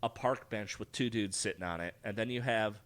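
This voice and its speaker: Low and brisk, this man co-hosts a podcast, chatting casually about a movie. His talk is full of swearing and restarted sentences in a lively exchange.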